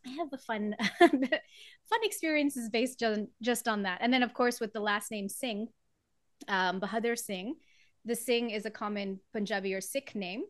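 A woman's voice: a little high, unhurried, no echo, studio quality. A woman from Trinidad, a singer interviewed as a guest, talking casually and laughing often as she explains.

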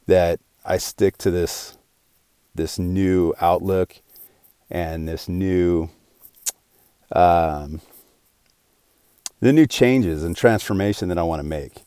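A man's voice: deep voice, slow pace, pauses often, dark tone, smooth, no room sound. A man in his forties hosting his own podcast, talking alone in an earnest, rambling way with many restarts. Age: 40s. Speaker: podcast host. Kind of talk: casual solo podcast monologue.

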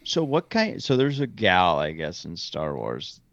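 A man's voice: deep voice, wildly swooping pitch, measured pace, gravelly, a bit bright, no echo, dull audio. A man co-hosting a podcast, telling a rambling trip story in casual chat and correcting himself as he goes. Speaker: podcast co-host.

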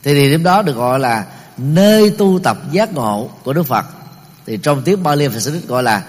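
A middle-aged man giving a Buddhist teaching talk, explaining terms step by step, pausing often and using many fillers. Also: mid-range voice, lively intonation. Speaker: Buddhist lecturer. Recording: long reverb of a large hall.

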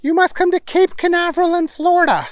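A man voicing a stern, formal woman scientist who gives brisk orders. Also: extremely high pitch, steady tone, dry recording, voice pushed up. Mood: commanding.

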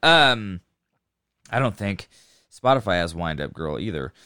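Man, frat-bro slang, sweary, casual chat, smooth clear tone, very dry sound. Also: low-pitched, very animated, unhurried, pushed and bright, dry recording. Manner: bro-ish frat-guy slang, swearing, easily amazed. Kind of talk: casual chat about books and hypotheticals.

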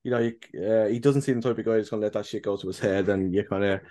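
A man co-hosting a podcast, talking casually in halting bursts full of restarts and fillers, with casual swearing. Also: fairly low pitch, fairly even intonation, dark tone. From the UK and Ireland. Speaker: podcast co-host. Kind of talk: casual chat.

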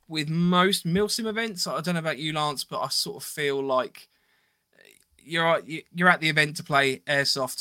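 A man's voice: medium pitch, pushed and bright, dry recording. A man co-hosting a podcast, chatting casually and rambling a little, with plenty of ums. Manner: laid-back, rambling with many ums. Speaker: podcast co-host. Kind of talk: casual chat.

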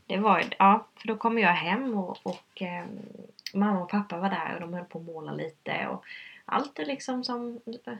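A woman's voice: medium pitch, vocal fry, breathy edge, lo-fi sound. A woman telling a personal story in conversation, hesitant and earnest, with many fillers. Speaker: guest.

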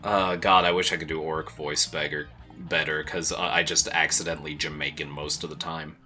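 A man's voice: extremely low pitch, flat delivery, moderate pace, sharp tone, faint music behind. A man co-hosting a casual podcast, loose and joking, swearing often and laughing. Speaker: podcast co-host. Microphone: own mic, recorded separately.

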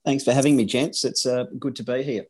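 A man with an Australian accent, a corporate lawyer from Western Australia, answers podcast interview questions haltingly, restarting often and filling gaps with fillers. His medium-pitched voice is steady, a little mellow, with a breathy edge.

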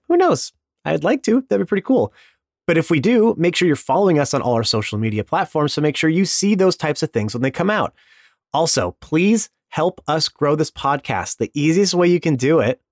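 A man's voice: on the high side, no room sound, clean studio sound. A man hosting a podcast, giving a casual, playful plug with rambling asides. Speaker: podcast host.

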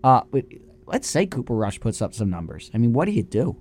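Animated man co-hosting sports radio. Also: medium pitch, fairly quick. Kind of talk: casual sports talk show.

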